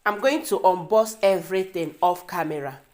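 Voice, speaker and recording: A young woman with a Nigerian accent in a casual unboxing vlog, excitable and repeating herself as she shows off food items. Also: on the low side, normal speed. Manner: excitable, repeats words, bursts of laughter. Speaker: vlogger. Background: faint crinkling of wrappers.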